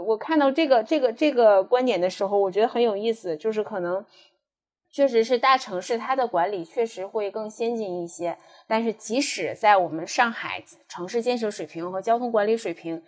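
A woman's voice: a little high, moderate pace. A woman with a transport background, explaining her ideas in a casual panel chat, thinking aloud with many fillers and restarts. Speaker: podcast guest, transport specialist.

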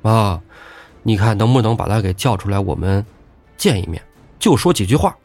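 A man doing a calm, cunning young outlaw. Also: lowish voice, normal speed, creaky, soft background music. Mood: persuasive. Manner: hushed, steady.

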